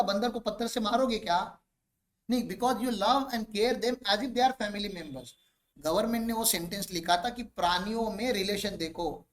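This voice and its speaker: A man's voice: high-pitched, a bit bright. A man giving a classroom lecture on tax law, mixing Hindi with English phrases, asking rhetorical questions and checking that students follow.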